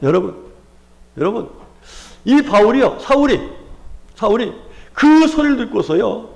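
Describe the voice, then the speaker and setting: A man's voice: very high voice, very animated, measured pace, creaky, a little mellow. A male pastor with a Chungcheong accent preaching a Sunday sermon, asking the congregation rhetorical questions and often calling out hallelujah. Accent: Chungcheong Korean. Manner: frequent exclamations of hallelujah.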